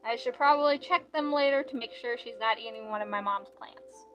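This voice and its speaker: A woman's voice: a little high, fairly quick, dull audio, over music. A young woman streaming and reading out live chat in a casual, rambling way, full of "like" fillers.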